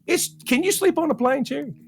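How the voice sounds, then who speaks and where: A man's voice: very high-pitched, a little fast, gravelly. A middle-aged man with a Southern US accent, telling a funny story on a talk show and acting out the voices with plenty of laughs. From American South. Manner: animated storyteller, acts out quotes, laughs often. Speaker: radio show regular, movie critic.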